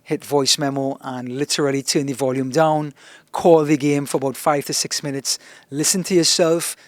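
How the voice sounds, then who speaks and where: A man's voice: on the high side, fairly even intonation, no echo. Man with a thick accent coaching. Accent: strong accent, self-described as thick. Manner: instructive, deliberate, demonstrates vocal warm-ups by humming. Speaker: guest broadcaster giving advice. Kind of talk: podcast interview.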